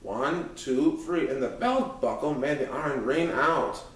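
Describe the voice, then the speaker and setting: This is a man narrating an audiobook, reading a first-person story from a script at a measured pace in a mid-range voice. The echoey room and distant microphone shape the sound.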